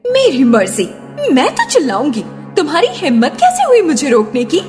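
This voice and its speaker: A woman voicing a haughty, hot-tempered rich young daughter-in-law in an animated story, brash, boastful and argumentative. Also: high-pitched, normal speed. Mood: haughty, angry. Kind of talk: Hindi animated moral-story acting. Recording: long reverb, loud background music.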